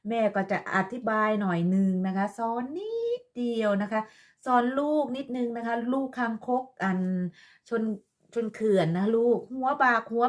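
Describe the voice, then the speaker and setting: A woman ranting in a vlog monologue, scolding and mocking with crude insults in a sarcastic motherly tone. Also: a little high. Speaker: online commentator.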